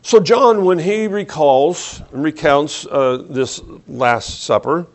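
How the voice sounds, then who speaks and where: A man with a somewhat high voice preaches a sermon. He reads scripture aloud and then reflects on it in his own words. His pace and loudness shift often, and he drops his voice low on the key points. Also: slow.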